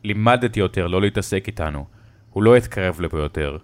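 A man voicing a tough, hot-tempered middle-aged father who barks short, loud orders, read as part of a spoken horror story. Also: low-pitched, expressive. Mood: cold.

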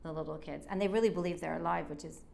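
A woman's voice: deep voice, steady tone, racing, creaky, darkish tone, a little hiss or hum. A woman who teaches children drama, chatting casually and enthusiastically as an interview guest. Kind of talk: casual chat.

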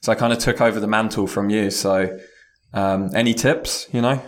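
British male podcast co-host, lowish voice, chatty and self-deprecating, heavy room echo from a conference room. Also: fairly even intonation, normal speed. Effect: roomy echo on the voice. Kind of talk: casual podcast chat.

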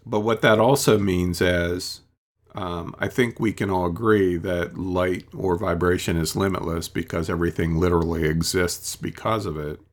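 A man with a very deep voice gives a casual spiritual talk on his own. He wanders through his thoughts, pausing on ums and asides as he goes. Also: steady tone. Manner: rambling, reflective, many ums and asides.

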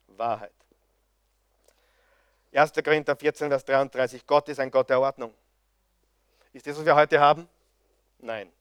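Male preacher, high voice, dry sound, fervent rhetorical questions. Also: clear, resonant tone, dry recording. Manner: impassioned, with rhetorical questions to the audience. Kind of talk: sermon.

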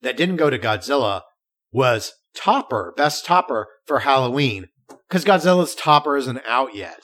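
Animated podcast man with lively pitch. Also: moderate pace. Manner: animated storytelling with frequent restarts. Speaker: podcast co-host. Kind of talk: casual chat.

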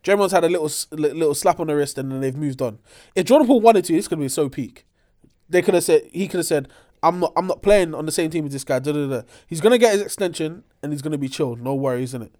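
Give me a high-pitched young London man talking fast and slangy in a casual, emphatic sports debate. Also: animated, warm tone. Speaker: sports talk show co-host. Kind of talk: casual basketball debate among friends.

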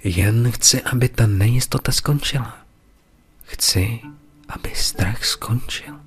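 A man's voice: on the low side, lively intonation, soft background music. A man voicing a panicked, pleading prisoner. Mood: anxious. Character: terrified male prisoner locked in dark.

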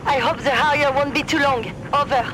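Une comédienne qui joue une femme pilote de chasse, cheffe de patrouille, parlant par radio casque dans le cockpit avec un ton net de procédure radio. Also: female voice, high voice, fairly even intonation, normal speed, noisy background. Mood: tense. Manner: crisp clipped radio procedure talk. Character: woman fighter pilot, calm patrol leader. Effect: pilot talking over a cockpit headset radio.

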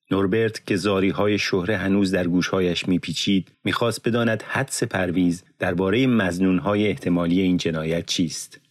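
A man narrating an audiobook in a measured, solemn reading on a close studio mic. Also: low-pitched, dry recording. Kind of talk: scripted narration.

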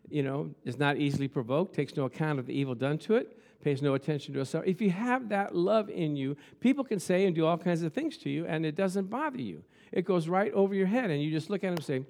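A man with a slightly high voice delivers a conversational motivational sermon, emphatic and full of repeated phrases. He leans on rhetorical questions and humorous storytelling.

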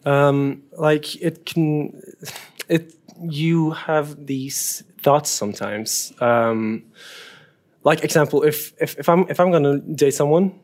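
A man's voice: fairly high pitch, takes it slowly. Hesitant young man on a panel. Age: 20s. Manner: hesitant, many restarts. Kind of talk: panel discussion.

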